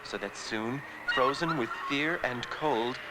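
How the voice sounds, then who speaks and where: A man narrating a scripted fairy tale as a measured storyteller. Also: medium pitch, heavy background noise.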